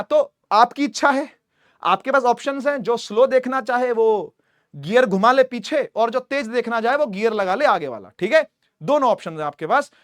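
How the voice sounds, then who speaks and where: A man's voice: extremely high pitch, a bit bright, no echo, studio quality. A man teaching a physics class online, chatty and repetitive, often checking that students follow. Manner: chatty, addresses students as beta, repeats "theek hai".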